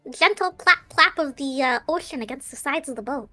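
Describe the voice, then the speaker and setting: A woman playing a tabletop game, playful and relaxed as she describes her character's spells. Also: high-pitched, brisk. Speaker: player.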